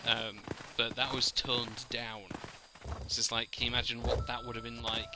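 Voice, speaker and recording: Man streaming over loud game music. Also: medium pitch, monotone, moderate pace. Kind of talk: casual playthrough commentary.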